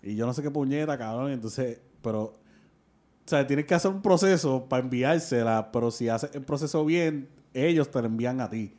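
A man, co-hosting a podcast in a casual chat, expressive and swearing constantly. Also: medium pitch, normal speed. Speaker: podcast co-host.

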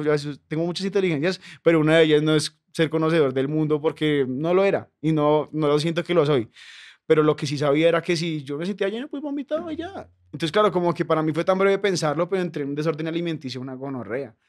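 Colombian comedian, young man, slightly high voice, slangy profane podcast storyteller. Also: darkish tone. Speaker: comedian guest.

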